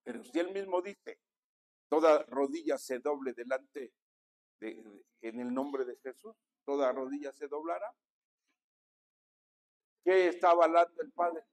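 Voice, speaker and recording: This pastor speaks with a Mexican Spanish accent in a slightly high voice, keeping a measured pace and pausing often. During his sermon he calls on the congregation to echo his words back.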